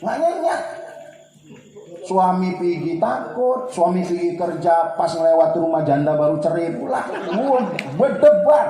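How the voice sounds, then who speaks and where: A man's voice: sits high, dark tone. A man preaching a humorous religious lecture, joking with the audience and addressing them directly. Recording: very echoey hall.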